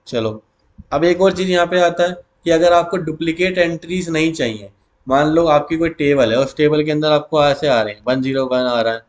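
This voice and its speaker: A man's voice: medium pitch, muffled recording. A male teacher giving an exam revision lesson, calling his students "beta" and repeating key words back to them as questions. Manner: reads English SQL commands slowly, word by word.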